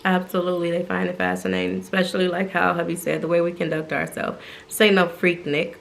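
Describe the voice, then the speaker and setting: A woman's voice: fairly low pitch, level tone, fast, creaky, slight background noise. A woman co-hosting a couple's channel, chatting casually and playfully, often laughing. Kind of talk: casual chat.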